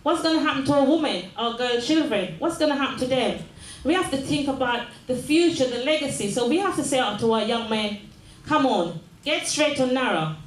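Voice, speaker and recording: A woman's voice: sits high, expressive, fairly quick. An older woman born in Jamaica, a mayor giving an earnest community speech, often repeating phrases and asking the audience "yes?". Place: large room at a mayor's office. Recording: echoey room with faint ambience.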